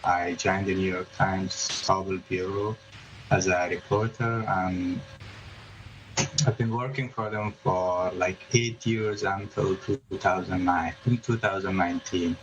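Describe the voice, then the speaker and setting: A man's voice: low voice, steady tone, measured pace. A man, a journalist speaking as a guest in a remote news interview, hesitant, with many fillers and restarts. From Afghanistan. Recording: muffled remote line with background noise.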